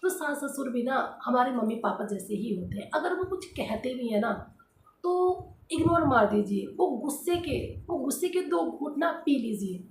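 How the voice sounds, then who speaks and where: A woman's voice: high voice, expressive, moderate pace, slight background noise. Earnest housewife woman in a roomy echo. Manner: earnest, direct, repeats points with many fillers. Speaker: housewife vlogger giving advice. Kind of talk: casual advice talk to viewers.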